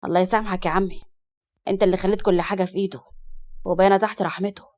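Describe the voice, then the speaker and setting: A woman voicing a scheming male cousin with an Egyptian accent, who speaks in a lowered, mocking drawl. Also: fairly even intonation, rapid-fire, darkish tone, natural voice. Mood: spiteful. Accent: Egyptian Arabic.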